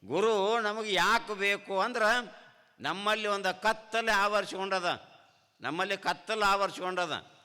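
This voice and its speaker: Male swami, devotional sermon, North Karnataka accent, rhetorical questions, smooth resonant voice, reverberant ashram hall. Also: high voice, unhurried, bright, forceful tone. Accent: North Karnataka Kannada. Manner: rhetorical questions, repeats key phrases. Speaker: swami giving a spiritual discourse.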